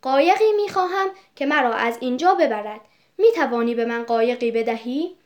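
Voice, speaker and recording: A storybook boy who ages into a worn-out old man speaks plainly and to the point, as a woman reader voices him. The voice is high for the part. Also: animated, lightly acted. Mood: demanding.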